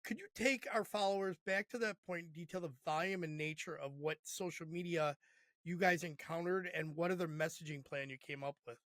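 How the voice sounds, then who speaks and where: Higher-voiced man, chatty podcast host. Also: a little fast, a bit bright, no room sound. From Chicago area. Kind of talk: conversational interview.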